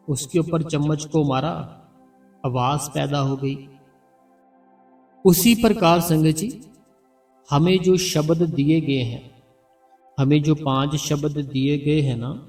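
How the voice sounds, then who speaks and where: A man giving spiritual meditation guidance in a slow, repetitive, coaxing way, softly chanting names as he teaches. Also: fairly high pitch. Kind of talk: devotional guidance talk. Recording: heard from a distance over background music.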